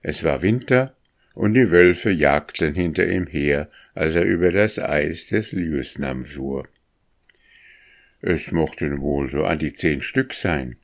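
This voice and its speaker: A man calmly narrating a storybook as an audiobook. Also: rumbling low, gravelly. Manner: calm, unhurried storytelling.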